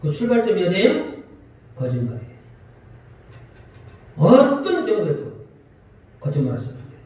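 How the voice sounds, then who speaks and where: High-voiced pastor preaching in an echoey church. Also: male voice, moderate pace. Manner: lively, asks the congregation questions and acts out quarrels. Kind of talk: sermon. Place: church sanctuary. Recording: echoey church hall from far off.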